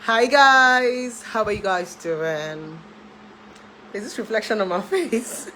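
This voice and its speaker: Nigerian woman, 30s, relationship therapist, chatty livestream, mid pitch, faint hum behind. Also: lively intonation, slow pace, sharp tone, rough recording. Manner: chatty, laughs often, dips into pidgin. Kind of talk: casual chat to camera.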